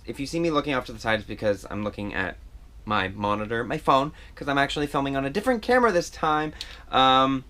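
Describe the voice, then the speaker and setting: A man's voice: medium pitch, expressive, fast talker, sharp tone. Man, casual makeup vlog, chatty, self-deprecating, rambling, home action-camera sound. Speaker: makeup vlogger. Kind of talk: casual makeup tutorial chat.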